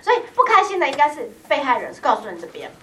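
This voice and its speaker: A woman runs a law exam prep lecture in a chatty, teasing manner. Her voice sits high and swoops all over the place as she talks. The classroom recording is picked up from a distance, with a faint hum underneath. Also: quick pace. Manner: chatty, teasing, lively, peppers speech with "hao" and "ha".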